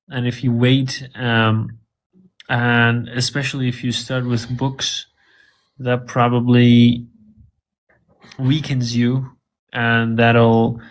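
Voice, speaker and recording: A man whose first language is Farsi answers interview questions in English with a medium-pitched voice. He speaks hesitantly and conversationally, with frequent fillers and repeated words.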